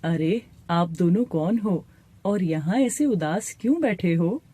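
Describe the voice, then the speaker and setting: A woman voicing a kindly middle-aged male temple priest who asks gentle, puzzled questions. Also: on the low side, lively intonation, takes it slowly, breathy edge, pitched below the performer's own voice, heavily acted. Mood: questioning.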